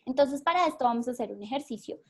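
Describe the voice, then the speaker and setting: A woman with a Colombian accent runs a workshop over a video call, her voice sitting a little high. She explains patiently, circling back with fillers and repeated words as she searches for the right phrase. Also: lively intonation, fast talker. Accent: Colombian Spanish. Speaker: workshop facilitator. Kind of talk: live online workshop.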